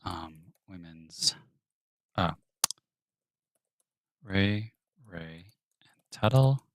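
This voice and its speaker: A man's voice: deep voice, animated, very slow, no echo. A man streaming his 3D work, thinking aloud and often dropping to a mutter or whisper to himself. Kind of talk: live-stream narration of work.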